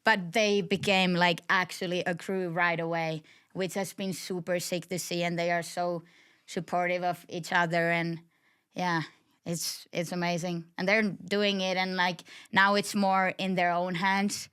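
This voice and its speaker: A young Finnish snowboarder, appearing as a podcast guest, chats in a relaxed way and says "like" a lot among other fillers. Her voice is fairly low, a little slow, and clean in tone.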